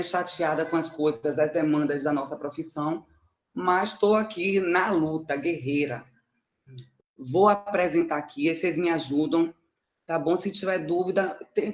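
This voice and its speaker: Speaking on the low side, a middle-aged woman from Salvador with a Bahian Brazilian Portuguese accent presents her research as a mathematics teacher. Indoors on an online call with muffled, roomy audio, she's informal, chatty and self-deprecating, often checking with her audience.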